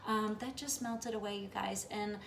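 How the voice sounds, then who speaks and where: A woman's voice: medium pitch, fairly even intonation, moderate pace, gravelly, roomy sound, a little hiss or hum. A woman in her late fifties talking casually to her viewers in an upbeat, chatty way, often checking in with "okay?". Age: late 50s. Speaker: vlogger. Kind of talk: casual vlog talk to viewers.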